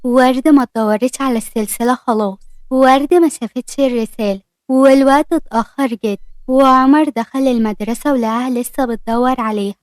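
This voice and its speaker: A woman storyteller with an Egyptian accent, narrating a scripted story in a brisk, lively way. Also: high-pitched, no echo, clean studio sound.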